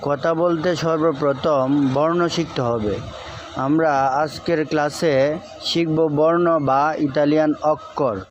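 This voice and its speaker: Slow, deliberate man teaching letter sounds. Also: fairly high pitch, fairly even intonation, dull audio, a little hiss or hum. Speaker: language teacher. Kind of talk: slow letter-by-letter pronunciation lesson.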